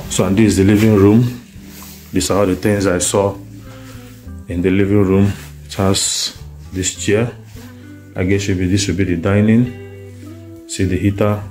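A man from Nigeria filming a flat on his phone, pointing out each room in a slow, halting way. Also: low voice, low-quality recording. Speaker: tenant viewing a flat. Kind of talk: casual home tour on phone video. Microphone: phone camera.

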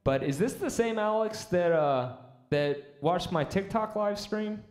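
A man's voice: sits high, lively intonation, unhurried, darkish tone, roomy sound. A man live-streaming his music, chatting casually with viewers and answering their comments in an easygoing, rambling way. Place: room set up for live music. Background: instruments.

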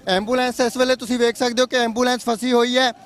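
A man's voice: extremely high pitch, flat delivery, fast, a bit bright. A male field reporter giving an urgent live report outdoors at a road barricade and appealing directly to officials. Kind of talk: live on-the-spot news report.

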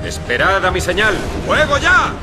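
A stern young warrior in a battle game. He shouts military commands in a high, dynamic voice with loud music and gunfire behind. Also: wildly swooping pitch, normal speed. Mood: commanding. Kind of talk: video game battle acting.

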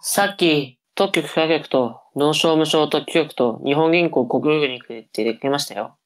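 Cocky big brother, played by a woman: low-pitched, teasing, for comic tongue-twister reading drama. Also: normal speed, lightly acted, rough recording. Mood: playful.

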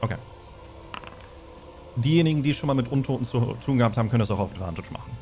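A man running a tabletop game as game master narrates, referees and explains as he goes, speaking fast with lively intonation. His voice is mid-range with a darkish tone, and faint music plays behind him.

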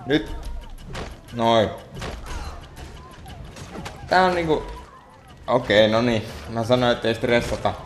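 A man's voice: mid-range voice, expressive, long pauses, a little hiss or hum. A man giving gameplay commentary as a let's play host, muttering and grumbling at the game in an exasperated way. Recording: echoey room.

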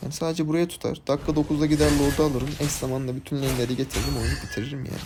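A young man, casually commenting his own ranked game, excitable and chatty with teammates and viewers. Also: a little high, very fast, background noise. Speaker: gaming YouTuber. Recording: game music behind the voice.

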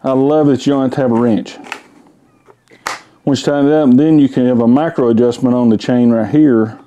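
A man in his fifties talks through a tool in his home garage, his voice mellow and warm. He rambles in an easygoing, folksy way, pausing on fillers as he goes. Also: mid-range voice, steady tone, muffled recording, slight background noise. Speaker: tool reviewer. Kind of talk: casual product review. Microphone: camera-mounted mic.

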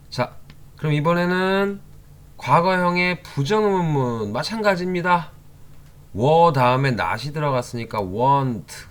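A man teaches English grammar to his online learners, reading each example sentence aloud and then explaining it. His pitch moves up and down a lot, and he keeps asking whether they follow. Keyboard typing can be heard behind him. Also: slight background noise. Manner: lively, with many rising questions to the learners.

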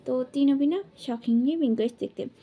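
A woman's voice: sits high, quick pace, breathy edge, lo-fi sound. A woman retelling a story in casual chat, chatty and full of filler words.

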